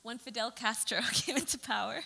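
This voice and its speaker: The long reverb of a hall colors this chatty presentation by a young adult woman photographer from Saudi Arabia, who fills pauses and corrects herself. Her voice sits on the high side at normal speed, creaky and sharp in tone.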